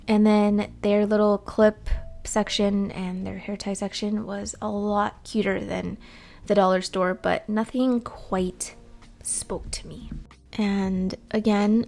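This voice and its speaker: A woman chats her way through a vlog voice-over, rambling from one thing to the next with plenty of ums. Her voice is rough from the morning and has a gravelly edge. She sounds relaxed and unscripted. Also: medium pitch. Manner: chatty and rambling, with frequent ums. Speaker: vlogger.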